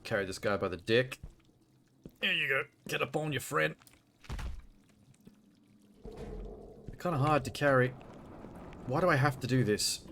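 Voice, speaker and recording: Man, mid-pitched voice, scared horror game streamer, muttering nervously, casual commentary, faint background noise. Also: expressive, normal speed, long pauses, fairly bright tone.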